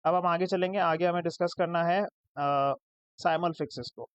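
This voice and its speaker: High-voiced man tutoring with a Pakistani accent. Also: fairly even intonation, moderate pace, smooth, no echo. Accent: Pakistani Urdu. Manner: explains step by step, checks "ठीक है?" after each point. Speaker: English tutor. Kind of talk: recorded lecture over slides. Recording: dry, dull lo-fi sound.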